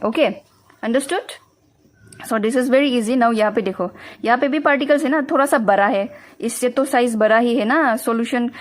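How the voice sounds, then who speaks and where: Young woman, high-ish voice, lecturing in Hindi-mix, quizzes the class herself. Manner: explains in Hindi mixed with English, asks students questions and answers them herself. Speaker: chemistry teacher.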